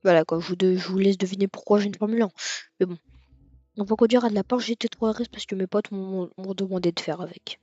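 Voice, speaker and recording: A man giving casual let's-play commentary on a racing game, rambling and hesitant with lots of fillers and sudden excited outbursts. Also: high voice, fast, dry recording. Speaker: gaming video creator. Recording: dull lo-fi mic with faint music.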